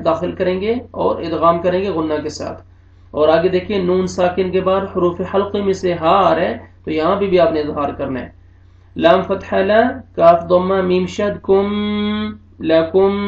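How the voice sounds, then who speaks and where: A male Quran teacher with an Urdu-speaking accent, spelling out letters and vowels and then slowly drawing out each joined word, with brisk explanations of the rules in between. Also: high-pitched, creaky, darkish tone. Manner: quick, matter-of-fact explanations of rules between readings. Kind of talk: recorded online recitation lesson. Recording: dull, roomy home recording.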